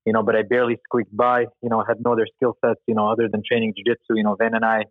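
Fast-talking man over a tinny line. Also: lowish voice, completely flat delivery, no room sound. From Ukraine. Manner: chatty, many "you know" fillers. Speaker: guest, jiu-jitsu instructor. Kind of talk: casual interview talk.

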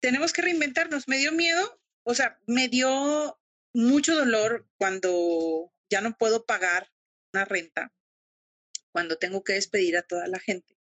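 A woman's voice: a little high, unhurried, a bit bright, dry recording. A middle-aged woman with a Mexican accent, telling her story emotionally and animatedly as a guest in a casual interview. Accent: Mexican Spanish. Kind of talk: casual interview over video call.

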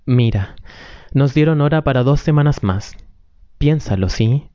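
A man's voice: mid-range voice, lively intonation, a little slow, warm tone, clean tone, dry recording, close to an everyday voice. A man reading the part of a patient, worn-out wife who earnestly pleads with her husband, in an amateur script reading. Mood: pleading. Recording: dull lo-fi recording.

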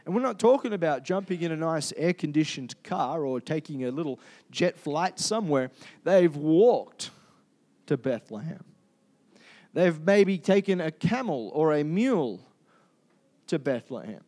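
Australian male preacher, slightly raised pitch, casual and conversational, keeps asking the congregation questions. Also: lively intonation, measured pace, darkish tone. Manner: chatty, asks the congregation questions, many fillers and restarts. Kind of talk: conversational sermon.

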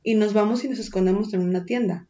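A woman with a Mexican accent tells a personal story in casual chat, animated and full of slang and swearing. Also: medium pitch, fast talker, muffled recording.

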